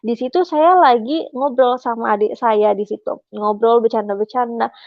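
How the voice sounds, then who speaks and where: A woman's voice: a little high, steady tone, moderate pace, no room sound. A young woman giving a personal testimony as an interview guest, shy and recounting at length with frequent hesitations. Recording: dry, slightly dull sound.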